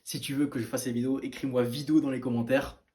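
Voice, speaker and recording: A man's voice: medium pitch, level tone, fast talker, mellow. A man giving casual fitness advice straight to the viewer, talking informally and bluntly with frequent hesitations and restarts. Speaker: fitness video maker.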